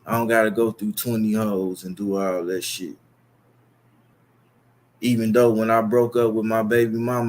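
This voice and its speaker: With a voice on the low side, a young Chicago-accented man streams on YouTube, talking directly to viewers. His monologue is lengthy, bragging, foul-mouthed and meandering, with a bit of background noise.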